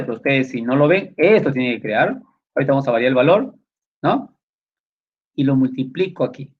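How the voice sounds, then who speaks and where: A man teaching a spreadsheet class, explaining lively and voicing his students' questions in rhetorical asides. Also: medium pitch, slightly rough. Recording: dull lo-fi recording.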